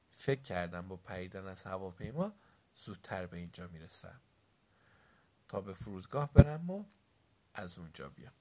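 A cheerful bald principal from a children's storybook, as a male reader puts him on. The voice stays low-pitched and mild, explaining things plainly.

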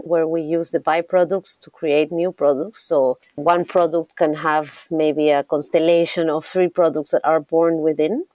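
A woman's voice: sits low, a little mellow, no room sound. A woman from Peru, a chef and company founder, earnestly explaining her work as an interview guest. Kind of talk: interview answer.

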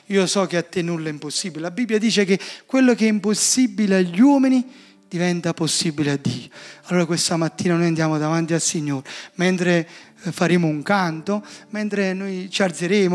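A man preaching a sermon as pastor, passionate and repeating his refrains as he calls on the listener. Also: a little high.

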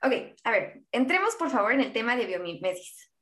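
Mexican female host, casual and encouraging, slightly high voice, echoey room sound. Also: sing-song, brisk, fairly bright tone. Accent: Mexican Spanish. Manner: friendly, affirming, casual slang. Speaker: podcast host. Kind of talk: casual interview.

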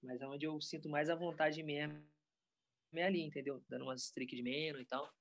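A man, a professional skateboarder talking in a relaxed, rambling way full of slang. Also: on the high side, a little fast, vocal fry, muffled recording. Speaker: pro skateboarder guest. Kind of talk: casual interview chat.

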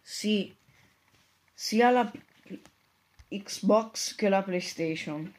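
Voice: mid-range voice, extremely slow, darkish tone. A reader voicing a frightened, hesitant boy, the son of a mayor. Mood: nervous.

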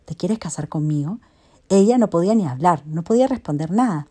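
A woman's voice: lowish voice, animated, a little fast, mellow, breathy edge. A woman telling a dramatic love story, moving between narrator and first person.

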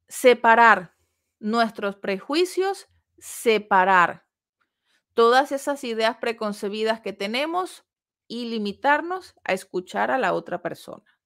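Woman teaching a measured lecture. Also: fairly high pitch, animated, a bit bright. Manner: measured, explanatory, with pauses and rhetorical questions. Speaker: course instructor. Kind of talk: recorded lecture on customer service.

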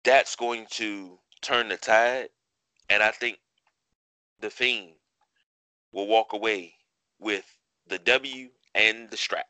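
A man with a hoarse, parched voice, chatting casually and haltingly about sports as a podcast co-host. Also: fairly low pitch, fairly even intonation, pushed and bright, dry recording. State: hoarse, parched throat after a day of yelling.

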